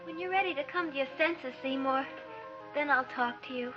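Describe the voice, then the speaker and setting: A woman's voice: high voice, moderate pace, close to an everyday voice. An actress playing a sweet, exasperated young girlfriend in a 1960s comedy film. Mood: hurt, fed up. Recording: dull old film soundtrack with music.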